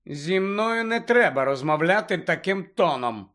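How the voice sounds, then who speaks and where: A man's voice: high voice, unhurried. A man reading the part of a cool, self-assured teenage girl who speaks coldly in a storybook. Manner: cold, calm.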